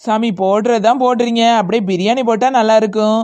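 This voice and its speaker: A woman's voice: a little high, steady tone, fast, darkish tone, lightly acted. A woman voicing a cheeky, greedy village woman in a cartoon, Kanyakumari Tamil accent. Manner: teasing, complaining.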